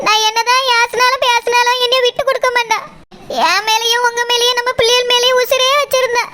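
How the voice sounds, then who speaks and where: A very high, bright cartoon voice for a fierce middle-aged housewife, as a woman acts her out. She is sharp-tongued and bossy and snaps orders. The delivery is shrill and cutting. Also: level tone, brisk. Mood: tearful. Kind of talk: cartoon voice acting.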